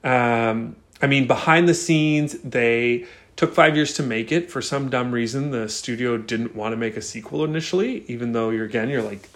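Brief: male podcast host, mid-pitched, loose rambling film chat. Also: moderate pace, fairly bright tone. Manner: rambling, many restarts and fillers.

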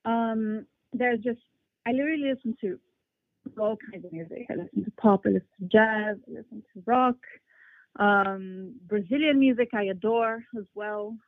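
Over a tinny, phone-like line with no room sound, a young woman who plays the flute responds to interview questions at normal speed in a medium-pitched voice. Her English carries a mixed international accent, her first languages being English and Portuguese, and she answers thoughtfully, with fillers and restarts.

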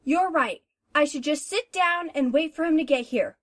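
Excitable teen daughter, played by a woman. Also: high voice, normal speed, lightly acted. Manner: eager and excitable. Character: eager, excitable teenage daughter.

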